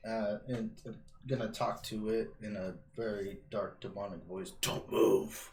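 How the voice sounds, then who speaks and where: A player in a tabletop game, speaking in a low-key, playful way. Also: fairly even intonation, moderate pace, darkish tone. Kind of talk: casual tabletop play. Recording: echoey room with noise.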